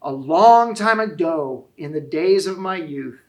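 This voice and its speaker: A man voices a kindly old grandfather from a children's storybook, a former shepherd who tells his memories in earnest rhyme. His voice is a little high and animated, slow in pace, sorrowful and tender as he reminisces.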